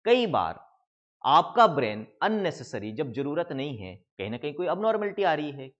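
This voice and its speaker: A biology teacher with an Indian accent gives an exam-prep lecture in Hindi, mixing in English terms and calling his students kids. He explains each step and asks the class questions, then answers them himself. His voice is a little high, very animated, and a bit bright at a moderate pace, with the highs cut off in the recording.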